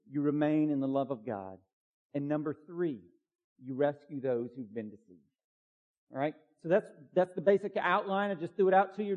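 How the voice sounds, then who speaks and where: A man pastor preaching a Sunday sermon, emphatic and fond of rhetorical questions and repeated words. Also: on the high side. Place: church sanctuary. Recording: long church reverb, dull lo-fi sound.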